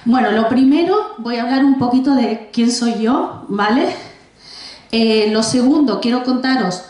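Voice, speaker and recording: With a fairly high, slightly mellow voice and a somewhat slow pace, a woman in her forties from Argentina talks about her debut book before an audience at a library. The room echoes heavily. Her public presentation is chatty, full of restarts and side remarks.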